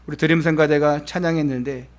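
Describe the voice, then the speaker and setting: A pastor, a man, preaching a Sunday sermon at a church service. He asks the congregation direct questions, and his delivery swings from emphatic lines to hushed, soft phrases. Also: fairly high pitch, fairly even intonation, quick pace.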